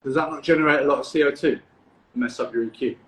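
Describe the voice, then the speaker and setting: A freediving coach from the UK hosts a casual podcast interview, sounding relaxed and encouraging. He has a mid-range voice, talks fast, and often repeats words as he begins a thought. The recording is reverberant.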